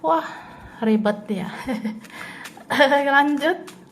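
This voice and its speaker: A woman's voice: high-pitched, lively intonation, very slow, slight background noise. A woman doing a casual tarot reading who chats freely, laughs often and speaks the other person's thoughts in the first person. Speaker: tarot reader.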